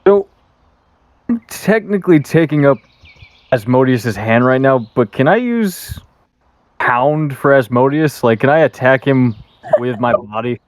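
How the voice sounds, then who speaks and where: A man's voice: medium pitch, lively intonation, unhurried, long pauses, slight background noise. A man playing in a tabletop game, easygoing as he declares his character's moves. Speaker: player. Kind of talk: casual tabletop game chat.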